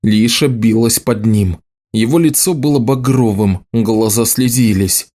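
A man narrating an audiobook in a steady storytelling delivery. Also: medium pitch, measured pace. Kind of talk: scripted narration.

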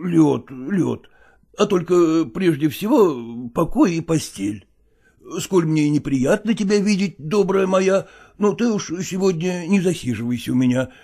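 Evasive, self-pitying actor voiced by a male narrator who feigns illness, slow and moaning, with a lively melody. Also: on the high side, gravelly, pitched above the performer's own voice, heavily acted. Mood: groaning evasive. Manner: groaning, drawn-out and slow, wheedling. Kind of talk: audiobook character reading.

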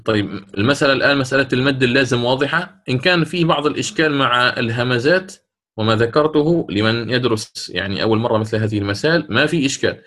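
A middle-aged man teaching Quran recitation rules, explaining a poem step by step and slowing to chant the quoted verses. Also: medium pitch, a bit bright. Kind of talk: classroom lesson explaining a didactic poem.

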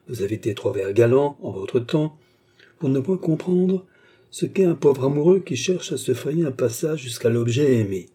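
A melancholy young nobleman, performed by a male reader speaks with formal, gracious courtesy. His voice is dark and husky. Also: mid-range voice.

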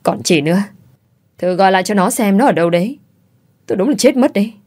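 A bossy, tight-fisted old mother-in-law, as a woman reader puts her on, scolding and lamenting in a low, somewhat deep voice. She fits a family-drama audio story. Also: moderate pace, darkish tone, natural voice. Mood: wailing. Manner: scolding, wailing.

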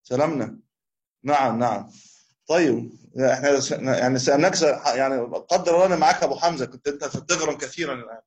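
A man teaching a religious text to a class, joking casually with his students. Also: mid-range voice. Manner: fast, casual banter with students after formal recitation. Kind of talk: lecture on a creed text.

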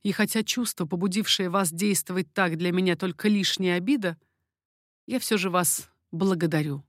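A woman's voice: on the low side, moderate pace, no echo, clean studio sound, lightly acted. A woman voicing a proud young queen in an audiobook, speaking firmly and imperiously. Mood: commanding.

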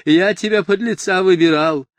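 A man's voice: high-pitched, moderate pace, no room sound, voice pushed up, close to an everyday voice. A man reading an audiobook, voicing a drunk police chief who complains in a slurred, sentimental way. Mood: drunk, whining. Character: drunk, maudlin small-town police chief.

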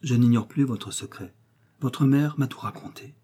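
A man reading aloud, voicing a spirited young woman who teases and reproaches a doctor, in a husky voice. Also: medium pitch, normal speed, natural voice. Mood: gentle. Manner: lively, provoking.

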